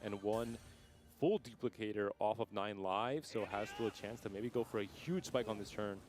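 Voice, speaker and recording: A man doing live esports commentary, calmly explaining strategy as he analyzes the matches. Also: on the low side, normal speed. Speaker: esports caster.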